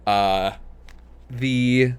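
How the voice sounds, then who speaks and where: A man with a deep, lumberjack-like voice hosts a livestream in a casual, rambling, appreciative way, as someone who reads out submitted scripts. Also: fairly even intonation, drawn-out words, smooth. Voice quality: deep, lumberjack-like voice, deeper than usual today. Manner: rambling, appreciative, often thanking. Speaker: host reading listener-submitted scripts on a livestream.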